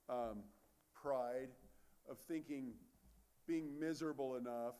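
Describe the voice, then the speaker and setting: A man's voice: medium pitch, a little mellow. A man preaching a sermon as a pastor, earnest and conversational, asking rhetorical questions and answering them.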